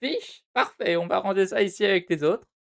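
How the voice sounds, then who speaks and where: A man voicing a sugary female cat receptionist in purgatory in a game, speaking in a high cooing falsetto. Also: a little fast, gravelly. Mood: chirpy. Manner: cooing, calls everyone darling.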